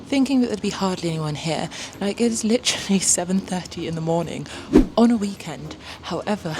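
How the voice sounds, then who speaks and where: A young woman chatting casually through her day in an upbeat, self-deprecating vlog, laughing easily. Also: on the low side. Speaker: vlogger. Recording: noticeable background noise.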